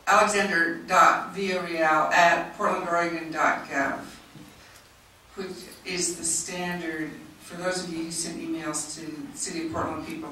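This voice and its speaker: A woman commissioner speaking at a public meeting, spelling things out slowly and correcting herself as she goes, heard from a distance in a hall. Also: on the low side, pushed and bright, a little hiss or hum. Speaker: charter commissioner. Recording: echoey hall, distant mic.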